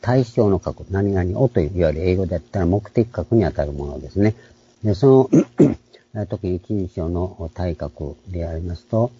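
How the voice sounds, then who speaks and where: Husky, very dark-voiced man teaching Bible lessons. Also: low-pitched, animated, dull audio. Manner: unhurried explaining, frequent throat clearing. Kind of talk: online Bible lecture.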